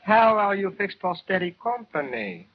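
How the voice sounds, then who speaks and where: A man's voice: high-pitched, big pitch swings, normal speed, a little hiss or hum. A cheeky ventriloquist dummy, as a man voices it. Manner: fresh, teasing. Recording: muffled 1929 film soundtrack. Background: loud music.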